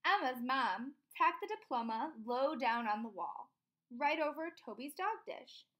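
A young woman gives a picture book an expressive reading for young listeners, stopping to ask them questions, in a small room at home. Her high-pitched voice is expressive, a little slow, bright, and forceful.

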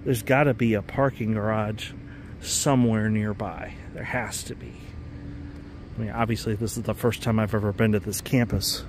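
A man's voice: fairly low pitch, steady tone, moderate pace, background noise. A man filming a casual walking vlog as he tours a stadium, talking in an enthusiastic, rambling way and often correcting himself mid-sentence. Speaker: stadium tour vlogger. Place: outdoors in a large stadium.

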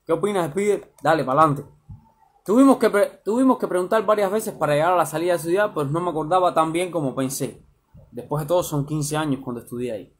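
A man reading his own first-person story aloud, lively and colloquial. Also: on the high side, fast talker, breathy edge.

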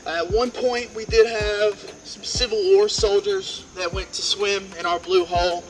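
A man's voice: high voice, fairly even intonation, a little slow, poor audio. A man guiding a tour group outdoors and into a cave, telling playful stories, heard from a visitor's camera a few meters away. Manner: upbeat, playful storyteller addressing a group. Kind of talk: joking guided tour talk. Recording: background music under the voice.

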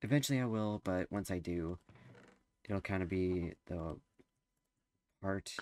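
A man's voice: sits low, measured pace, darkish tone, slight background noise. A teenage boy giving casual gameplay commentary, rambling and hesitant with lots of fillers. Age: teens. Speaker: gameplay streamer.

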